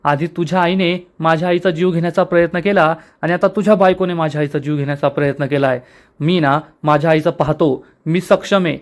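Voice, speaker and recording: A man's voice: fairly high pitch, steady tone, fairly quick, close to an everyday voice. A man reading the lines of a furious young man accusing his family. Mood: angry.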